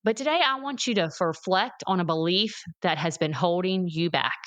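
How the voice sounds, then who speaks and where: A woman's voice: on the low side, normal speed, a bit bright. A woman hosting a solo motivational podcast as a therapist, talking emphatically and encouragingly to her listeners in a casual way. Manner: encouraging, emphatic, addresses listeners as "guys" and "y'all".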